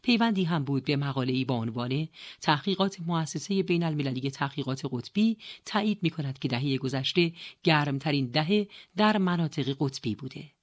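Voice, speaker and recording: A woman narrating an audiobook in a steady, measured reading style. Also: low-pitched. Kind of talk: scripted narration.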